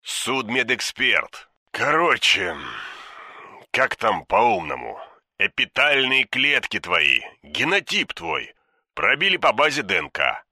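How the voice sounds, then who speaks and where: Guy doing a gruff grumbly police boss, sharp tense voice, swings up and down, dry sound. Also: medium pitch, sing-song, slow pace, dry recording, heavily acted. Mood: grim. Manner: grumbling, pressing, blunt. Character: gruff blunt older male police chief. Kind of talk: audiobook reading.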